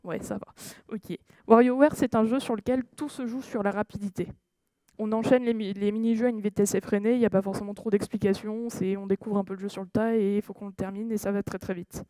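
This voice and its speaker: A woman's voice: medium pitch, fairly even intonation, brisk, warm tone, no room sound. A woman giving a talk at a conference, hesitant, with many fillers and self-corrections, checking in with her audience. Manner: engages the audience with questions. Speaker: conference speaker. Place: conference room.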